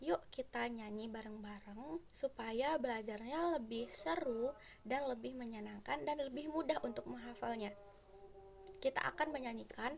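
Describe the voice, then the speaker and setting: A woman's voice: fairly high pitch, vocal fry. A woman teacher giving a classroom-style lesson, patiently explaining step by step and speaking directly to her viewers.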